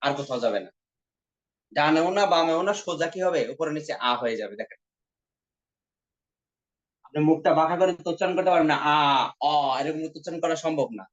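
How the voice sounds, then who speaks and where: A man with a Bangladeshi Bengali accent runs an exam-prep grammar lesson, his voice pitched slightly high. He repeats himself often and sounds out each vowel as a demonstration. The recording is muffled and lo-fi. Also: expressive, fairly quick, pauses often. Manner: repetitive, coaxing, demonstrates vowel sounds aloud. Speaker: teacher. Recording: dull lo-fi recording.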